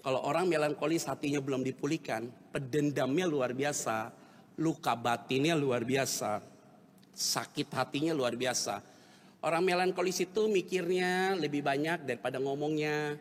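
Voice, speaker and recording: A male pastor preaching a sermon in a casual, animated way, dropping to soft asides and rising to loud emphasis, with playful acted examples. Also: fairly high pitch, normal speed, a little hiss or hum. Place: large church hall. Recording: long church hall reverb.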